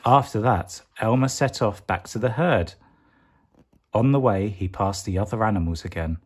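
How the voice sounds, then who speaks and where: A man's fairly low, husky voice carries a children's picture book read aloud at bedtime. His delivery is expressive and measured, and he lengthens key words for emphasis.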